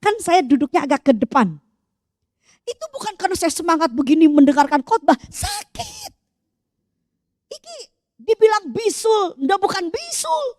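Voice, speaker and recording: A woman pastor with an East Javanese accent, preaching a sermon in a lively storytelling way and addressing the congregation directly. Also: very high-pitched, moderate pace, no echo, studio quality.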